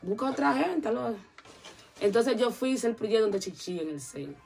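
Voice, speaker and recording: A woman's voice: a little high, normal speed, gravelly, faint music behind. A woman telling a long story in a casual interview, acting out the voices of the people in it. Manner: animated, acts out quoted voices.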